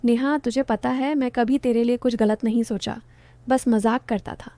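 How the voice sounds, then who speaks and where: A woman's voice: on the high side, steady tone, moderate pace, dark tone, no echo, natural voice. A woman voicing a teasing young man.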